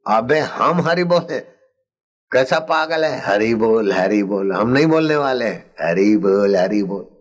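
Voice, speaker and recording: An old preacher doing a gruff taunting constable. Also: male voice, on the low side, lively intonation, a little slow. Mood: mocking. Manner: taunting, shouting while beating. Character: gruff mocking male police constable.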